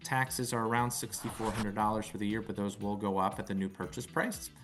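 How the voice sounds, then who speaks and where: A man's voice: on the low side, fairly quick, a bit bright, soft background music. A man hosting a real estate video in an informal top ten countdown style, often repeating key phrases.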